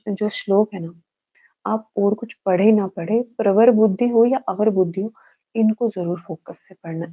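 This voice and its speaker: Woman teaching, dark lo-fi sound. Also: mid-range voice. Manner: explains step by step with quick rhetorical questions, chants verses slowly. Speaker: Ayurveda teacher. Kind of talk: exam-prep lecture.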